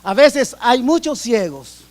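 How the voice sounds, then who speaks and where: Very high-voiced Guatemalan preacher. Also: male voice, very animated, takes it slowly. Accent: Guatemalan Spanish. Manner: earnest, repeats and restarts phrases while preaching. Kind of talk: sermon.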